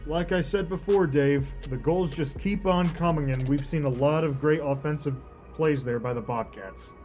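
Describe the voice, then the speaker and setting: Male sports color analyst, conversational, somewhat high-pitched, music behind. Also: normal speed, darkish tone. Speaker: color commentator. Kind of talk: live sports color commentary.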